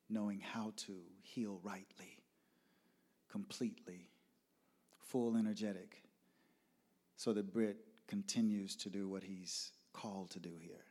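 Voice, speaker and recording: A man's voice: fairly low pitch, a little mellow. Emphatic man preaching a sermon. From Nashville, Tennessee. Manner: emphatic, leading the congregation in prayer and storytelling. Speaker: guest speaker. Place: church sanctuary.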